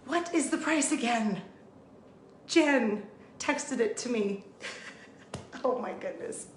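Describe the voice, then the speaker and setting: An enthusiastic woman with a fairly high voice hosts a live home tour and keeps talking straight to her viewers. She walks through the rooms and outside with her phone, and her voice is getting a little hoarse. Faint noise sits behind her. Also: lively intonation, slow. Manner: bubbly, enthusiastic, addresses viewers directly. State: losing her voice. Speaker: real estate agent. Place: indoors and outdoors at a house. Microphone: phone held while walking.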